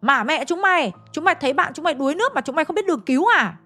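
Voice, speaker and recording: A fierce madwoman of the village snaps and scolds in a sharp, shrill, high voice, as a woman storyteller puts her on. Her words come out cutting. Faint music plays behind her. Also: slow. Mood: scolding.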